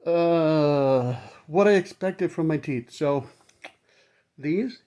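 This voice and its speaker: A man's voice: a little high, extremely slow, dark tone. A man talking casually to camera in a blunt, rambling way, swearing freely, his speech numb-mouthed after dental surgery.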